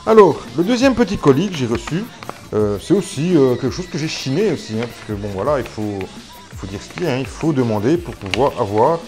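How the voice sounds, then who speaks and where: A Belgian gardening YouTuber chats casually to camera about his seeds, his medium-pitched voice very animated and a little fast over music. His vlog talk is full of fillers, restarts and self-mocking asides.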